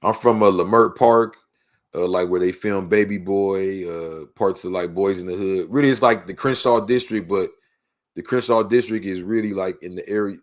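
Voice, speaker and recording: A middle-aged man talks in a very low, deep voice. He is a guest in a casual interview. He rambles in a laid-back way, peppering his talk with "you know what I'm saying". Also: moderate pace. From Los Angeles.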